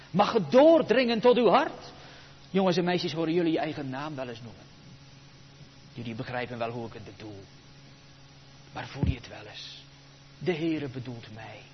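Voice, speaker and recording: A male pastor preaching a sermon in a church, emphatic and rhetorical, with dramatic pauses. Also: a little high, in a large hall, highs cut off, slight background noise.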